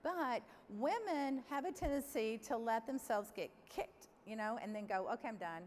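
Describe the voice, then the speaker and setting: A middle-aged woman giving a lively, candid conference keynote and talking straight to the audience. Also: fairly high pitch, unhurried. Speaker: keynote speaker. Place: large conference hall. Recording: long hall reverb, faint room noise.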